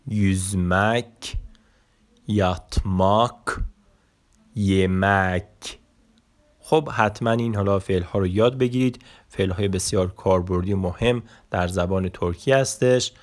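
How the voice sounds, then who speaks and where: Deep-voiced man teaching vocabulary slowly. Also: a little mellow. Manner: slow deliberate repetition of each word, then quick asides. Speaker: Turkish language teacher. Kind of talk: vocabulary lesson, reading words aloud.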